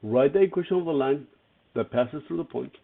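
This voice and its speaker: Slightly high and a little fast, this male math teacher's voice is creaky with a breathy edge. He guides students through an algebra lesson one step at a time, asking them questions as he goes, and the audio is tinny and lo-fi like a phone.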